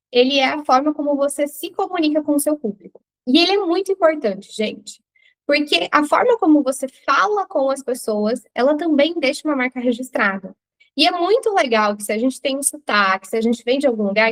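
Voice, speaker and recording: Brazilian woman, high voice, teacher explaining step by step with questions to her students. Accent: Brazilian Portuguese. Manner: explanatory, addresses students directly with rhetorical questions. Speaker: branding teacher. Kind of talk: recorded online class.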